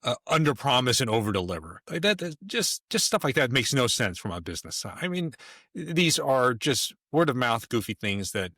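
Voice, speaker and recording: A man's voice: medium pitch, sing-song, moderate pace, pushed and bright, no echo, studio quality. A man talking as a podcast guest in casual conversation, emphatic and rambling, with many restarts.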